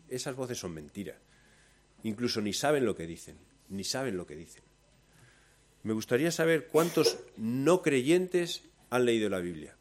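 Spanish preacher swinging loud to hushed. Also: male voice. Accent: Spain Spanish. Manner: shifts between loud storytelling and soft, low emphasis. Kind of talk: sermon.

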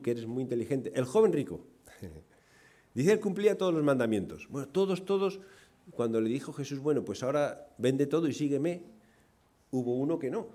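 A man preaching a sermon, talking straight to his congregation, asking them questions and swinging loud emphasis to quiet asides. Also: mid-range voice. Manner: conversational, asks the congregation questions.

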